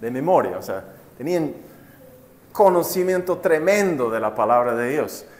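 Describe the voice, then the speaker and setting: Preaching with a darkish, medium-pitched voice that swings widely in pitch, a male pastor tells a story at normal speed. He addresses his listeners as brothers and sisters and frequently asks them rhetorical questions.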